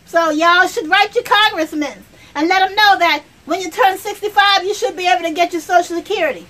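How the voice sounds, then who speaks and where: A woman's voice: extremely high pitch, brisk, sharp tone, voice pushed up. A woman playing a chatty, brash 82-year-old woman in a comic monologue, rambling and talking straight to viewers. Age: older. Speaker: comedic character sketch. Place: outdoors.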